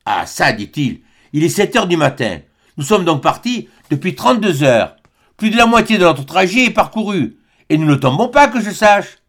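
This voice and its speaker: A man's voice: sits high, big pitch swings, moderate pace, a bit bright, exaggerated voice. A man doing a thoughtful, calculating captain. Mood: pondering. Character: male ship captain, Nicole, thoughtful and calculating. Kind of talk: audiobook reading.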